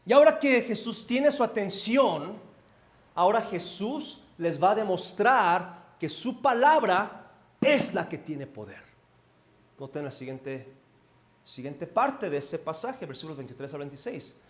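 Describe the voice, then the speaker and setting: A man's voice: high voice, unhurried. A man from Mexico City with a Mexico City accent, preaching a conversational sermon as a pastor and often asking the congregation questions. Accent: Mexico City Spanish. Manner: animated, asks the congregation questions, swings between loud and soft. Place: church sanctuary.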